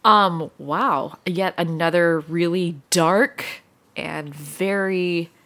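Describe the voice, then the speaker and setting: A woman's voice: lowish voice, very slow, fairly bright tone. A woman hosting a podcast, casually chatting and musing about a story. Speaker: podcast host. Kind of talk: casual chat discussing a story.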